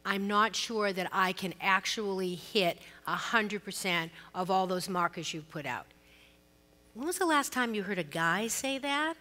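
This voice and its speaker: Middle-aged Boston-accented woman panelist, bright tone, long hall reverb, frank and self-deprecating. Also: medium pitch, expressive, a little slow. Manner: candid, self-deprecating, storytelling. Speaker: panelist, law firm co-managing partner. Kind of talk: conference panel discussion. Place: conference stage.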